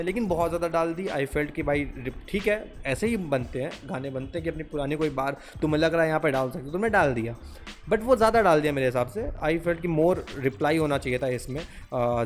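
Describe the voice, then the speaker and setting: A young Indian man hosting a reaction video, talking casually to viewers and switching between Hindi and English. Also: medium pitch. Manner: chatty, mixes Hindi and English, keeps saying "bhai" and "theek hai". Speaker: reaction channel host.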